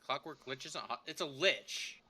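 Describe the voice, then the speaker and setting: Casual male player, bright voice, trips over his words. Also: medium pitch, moderate pace. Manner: stammering restarts, joking. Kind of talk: casual tabletop play.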